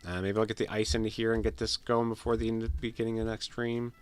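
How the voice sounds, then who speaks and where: Man, stuffy nasal voice, under the weather, lowish pitch, rambling livestream talk. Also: little pitch movement, fast talker, clear, resonant tone. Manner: rambling, repeats words and restarts sentences. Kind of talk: casual stream chat while gaming.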